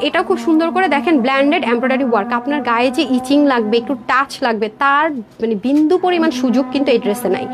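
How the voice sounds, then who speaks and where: Modeling a dress in an indoor room with a door, this high-voiced online seller from Bangladesh runs a live sales pitch. Her rapid, persuasive patter walks viewers through the dresses, addresses them as sister, and slips in English words.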